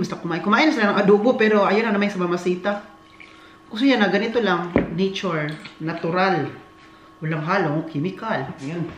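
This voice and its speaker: A vlogger from the Philippines cooks and rambles chattily to her viewers, laughing often, in a lowish voice with lo-fi sound. It's casual cooking chat recorded in an echoey room with loud background noise.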